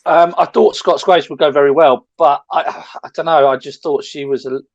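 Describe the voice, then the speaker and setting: A man's voice: fairly high pitch, fairly even intonation, moderate pace, no room sound. A man giving his tentative racing tips in a casual chat, over a dull remote line. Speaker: racing tipster.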